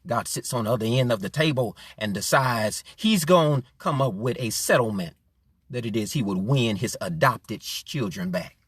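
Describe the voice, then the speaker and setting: A man preaching a sermon with passion, repeating his phrases and swinging from quiet to loud. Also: mid-range voice, lively intonation, normal speed, slightly rough, no room sound, clean studio sound. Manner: impassioned, repeating phrases, rising and falling in force.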